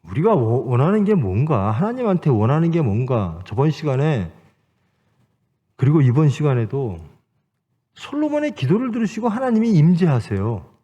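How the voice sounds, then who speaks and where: A male pastor delivers a sermon in a high voice that rises and falls dramatically. He presses his point with rhetorical questions and direct exhortations to the congregation. His words carry a long reverb through the church sanctuary. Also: big pitch swings, normal speed, warm tone, husky, dull audio.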